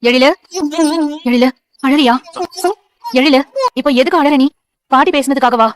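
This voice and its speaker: A woman's voice: high voice, fairly even intonation, a little slow, clear, resonant tone, dry recording. An actress playing a loving mother who reassures and encourages her grown son in a TV serial. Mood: tender. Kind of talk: TV serial acting.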